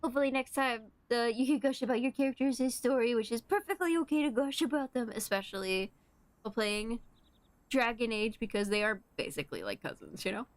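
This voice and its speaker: A young woman streaming a game, chatting casually, giggling, swearing a lot and getting excitable. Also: on the high side, fairly quick, no echo. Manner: giggly, excitable and profane, with frequent filler words. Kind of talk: casual gameplay commentary.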